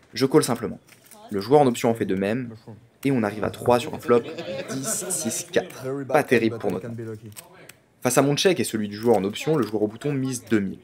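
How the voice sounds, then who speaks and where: A man's voice: medium pitch, a little mellow. A man telling his poker session as a vlog, analytical and full of English poker jargon. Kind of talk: storytelling vlog narration.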